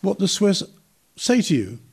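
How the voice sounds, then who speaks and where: A man's voice: high-pitched, sing-song, measured pace, darkish tone, slightly rough. A man interviewing an ambassador for listeners, asking formal, long-winded questions with restarts.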